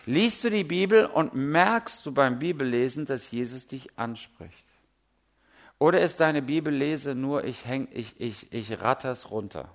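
A middle-aged man preaching a sermon in a lively, conversational way, full of everyday stories and direct questions to the listeners. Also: mid-range voice, a little slow, creaky.

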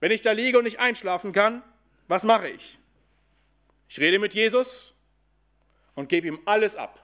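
A man preaching a sermon to a congregation, asking questions and answering them himself, and slowing down when he quotes scripture. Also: high-pitched, a bit bright.

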